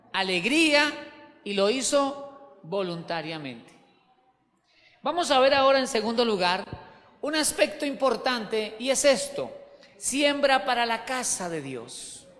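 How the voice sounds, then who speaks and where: A man with a very high, slightly bright voice preaches a sermon to his church as its pastor. He is emphatic, repeats key words, and puts questions to the congregation. The recording carries a long hall reverb.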